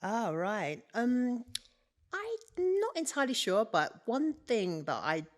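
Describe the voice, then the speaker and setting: A woman's voice: a little high, sing-song, slow pace. A woman guest on a podcast, chatting casually and laughing often. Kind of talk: casual chat.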